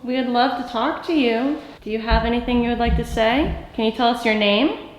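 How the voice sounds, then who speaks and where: Woman paranormal investigator, fairly high voice, casual questioning, ringing house echo. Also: a little fast, slight background noise. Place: echoey house interior. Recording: echoey house with long reverb.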